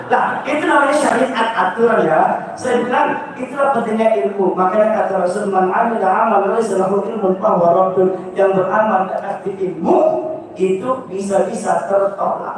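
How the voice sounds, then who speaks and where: A man with a Palembang Malay accent delivers a dawn mosque sermon in a strikingly high voice. He jokes and demonstrates his examples, chuckling as he goes. The sound is heavily echoey and captured from far off in the mosque. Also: normal speed. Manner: joking, demonstrative, chuckling between points. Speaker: preacher. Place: mosque hall.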